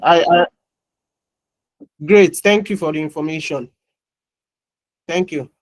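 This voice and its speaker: A man's voice: on the high side, slow pace, no echo. A man teaching a class over a video call, chatting casually and often restarting or repeating his words. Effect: heard over a video call. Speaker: tutor. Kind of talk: online class, casual chat before teaching.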